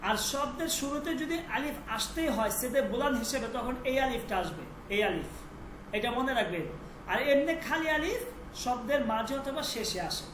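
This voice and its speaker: High-voiced woman teaching slowly in echo. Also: animated, background noise. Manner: patient, repeats sounds and checks understanding. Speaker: Persian language teacher. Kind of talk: online class lesson.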